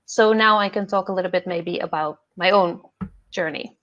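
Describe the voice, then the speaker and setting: Over a video call with dull audio, a young woman from the Netherlands talks earnestly about how her career unfolded, with many pauses and fillers. She is a PhD fellow and podcast host, and her voice is fairly low-pitched and a bit bright.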